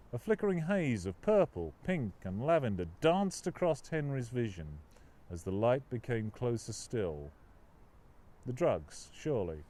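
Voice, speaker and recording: In a medium-pitched voice, a man delivers his own novel as audiobook narration, reading the script with dramatic, emotive literary flair.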